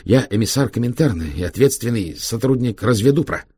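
A man reading an audiobook, voicing a frightened captured male agent who speaks hoarsely and hastily. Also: medium pitch, animated, brisk, warm tone, no room sound, voice pushed up. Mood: hasty. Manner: hasty, eager to cooperate.

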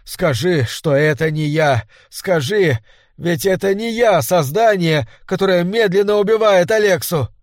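A man's voice: fairly high pitch, expressive, a little slow, darkish tone, dry recording, clean studio sound. A man voicing a desperate, anguished husband pleading for help against a vampire. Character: desperate middle-aged man haunted by a vampire. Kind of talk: audiobook character reading.

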